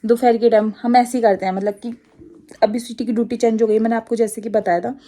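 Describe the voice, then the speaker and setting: Woman, agra hindi accent, rambling chatty vlogger, fairly high voice, laughs easily. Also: little pitch movement, fast, mellow. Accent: Hindi, from Agra region. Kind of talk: casual chat to camera.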